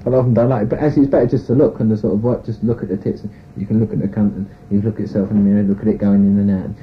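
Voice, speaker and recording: A low-voiced man speaks rapid-fire in a level tone, giving a frank, rambling personal account in an interview. His talk is full of "you know" and "sort of", captured on a tinny, phone-like tape recording with faint hiss.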